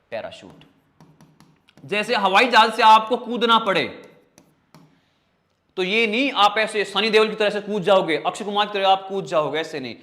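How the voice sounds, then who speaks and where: A man's voice: high voice, bright, forceful tone. A man teaches English vocabulary in an online lesson. He jokes with his students, calls them brother and child, and drags out each spelling one syllable at a time. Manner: playful, jokey, drags out spellings slowly syllable by syllable; calls students "bhai" and "beta". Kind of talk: online exam-prep lesson.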